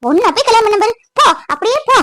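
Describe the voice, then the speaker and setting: A cartoon performer voicing a sharp-tongued young wife who rants and scolds her husband in a high, sped-up cartoon voice. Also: expressive, very fast. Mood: complaining. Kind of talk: cartoon voice acting.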